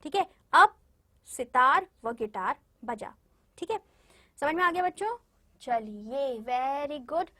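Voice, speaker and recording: A woman with a high-pitched voice leads a children's class. She breaks words into slow, careful syllables and speaks to the little ones directly, patient and encouraging throughout. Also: expressive, sharp tone. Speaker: primary school Hindi teacher. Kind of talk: online class lesson for young children.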